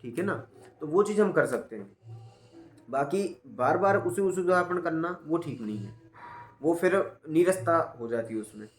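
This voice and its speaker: A man's voice: a little high, expressive, normal speed, soft background music. A man teaching a class who gives patient, step-by-step feedback and often checks that he has been understood. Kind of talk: spoken feedback in a class session. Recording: roomy echo.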